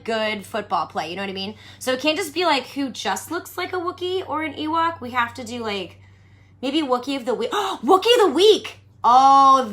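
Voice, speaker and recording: A woman's voice: a little high, pushed and bright. A woman in her thirties hosting a casual livestream, chatty and giggly, answering viewer questions and saying "like" a lot. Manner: chatty, giggly, says "like" often.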